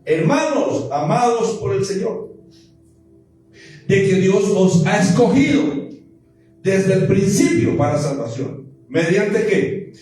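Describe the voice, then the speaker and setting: A man's voice: high-pitched, very animated, takes it slowly, pauses often, a little mellow, faint music behind. A man preaching a fervent sermon, calling on the congregation to repeat his words. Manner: fervent, call-and-response with congregation. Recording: echoey distant church room recording.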